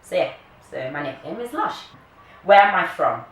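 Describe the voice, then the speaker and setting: A woman's voice: low-pitched, sing-song, normal speed. A woman, chatting casually and playfully to camera as a vlogger. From Kenya, later the UK. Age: early 30s. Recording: echoey room, distant mic, faint noise.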